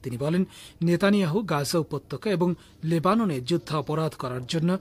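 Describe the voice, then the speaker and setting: A man reading the radio news in a measured, formal delivery. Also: on the high side, slightly rough. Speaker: news reader.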